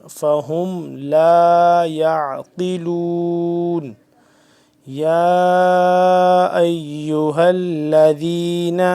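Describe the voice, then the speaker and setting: A man teaching a Quran recitation lesson, drawn-out chanted phrases mixed with quick explanations, patiently repeating letters to drill them. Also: a little high, warm tone. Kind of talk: tajweed lesson, slow recitation between fast explanation.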